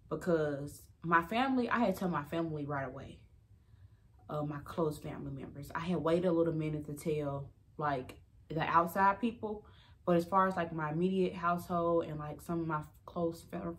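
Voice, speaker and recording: A young woman speaks straight to her viewers, candid and rambling, full of restarts and fillers. Her voice sits a touch low for a woman. She keeps calling her audience y'all. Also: fairly bright tone. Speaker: vlogger. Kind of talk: emotional personal update.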